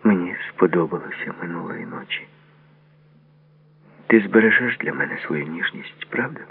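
A man's voice: low voice, lively intonation, normal speed, slightly rough, no echo, heavily acted. Constance, a man doing a pleading young woman. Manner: soft pleading delivery. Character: pleading young woman lover, anxious and tender. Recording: tinny phone-like lo-fi audio.

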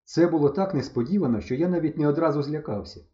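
A man reading a humorous story aloud in the first person, with lively, mock-dramatic narration. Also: fairly high pitch, quick pace. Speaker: audiobook narrator. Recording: dull lo-fi recording.

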